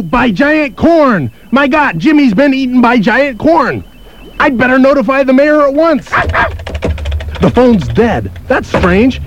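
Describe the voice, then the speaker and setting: A panicky cowboy scientist in a comedy radio play. He yelps and exclaims, his high voice leaping all over the place. The delivery is broad and frantic. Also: lo-fi sound, slight background noise, heavily acted.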